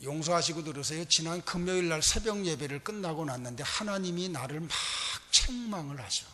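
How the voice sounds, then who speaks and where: A man preaching a sermon as a pastor, emphatic, swinging between loud urgency and hushed, intimate asides. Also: fairly high pitch, lively intonation, fairly quick. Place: church sanctuary. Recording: long reverb of a church hall.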